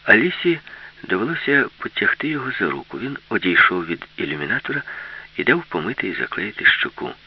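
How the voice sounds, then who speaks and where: A man narrating a children's science-fiction story in a steady, even storytelling manner, in a dull lo-fi recording. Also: on the low side, fast talker, husky. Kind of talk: storybook reading.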